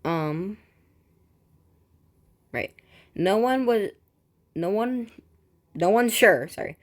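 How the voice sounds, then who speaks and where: A woman hosting a gaming channel, reading game news aloud and breaking off into rambling, excitable asides full of restarts and filler words. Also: mid-range voice, drawn-out words. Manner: excitable, jumps between reading and personal asides.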